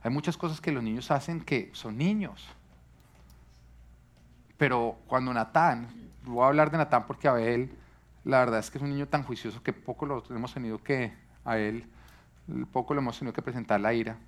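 A man's voice: mid-range voice, moderate pace. A man preaching a sermon to a live congregation, teaching earnestly and asking the listeners rhetorical questions. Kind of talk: sermon on parenting.

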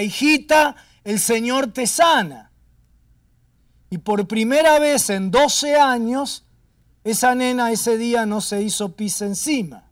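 A man preaching a storytelling sermon, now raising his voice, now dropping to a hush. He sits some way off from the mic, in a dry room with little echo. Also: high voice, distant mic. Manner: emphatic, swinging between raised and hushed delivery. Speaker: pastor.

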